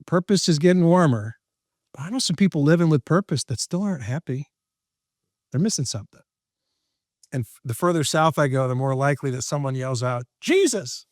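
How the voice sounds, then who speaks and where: A man, a podcast guest who works as a professional speaker and trainer, telling stories in an animated, joking way with a confident, preacher-like rhythm. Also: a little high, brisk, no room sound, clean studio sound. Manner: lively, jokey, laughs at his own lines. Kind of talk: animated storytelling in conversation.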